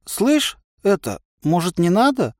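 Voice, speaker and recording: A man's voice: sits high, huge pitch swings, a little slow, a little mellow, no echo, studio quality, pitched above the performer's own voice, exaggerated voice. A man voicing a talkative, ironic male inner voice with no body that reasons at length. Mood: wry. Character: chatty bodiless male inner voice, wry.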